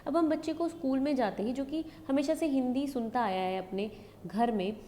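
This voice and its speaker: A woman lecturer with a North Indian accent explains at a moderate pace in a high, warm voice. She draws on English terms and reiterates key ideas with new wording, recorded in an echoey hall with some background noise.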